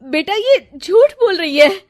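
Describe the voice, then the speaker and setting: A woman voicing a bossy, quick-tempered middle-aged mother-in-law in a cartoon, scolding loudly. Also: very high voice, big pitch swings, voice pushed up, heavily acted. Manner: scolding, loud and domineering. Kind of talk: cartoon voice acting.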